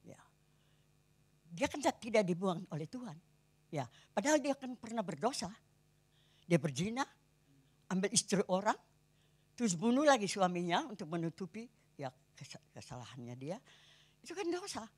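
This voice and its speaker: Husky elderly woman preaching with a Kupang accent. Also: medium pitch, moderate pace, long pauses. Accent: Kupang Malay. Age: 80s. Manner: animated, conversational preaching with rhetorical questions. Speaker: pastor. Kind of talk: sermon.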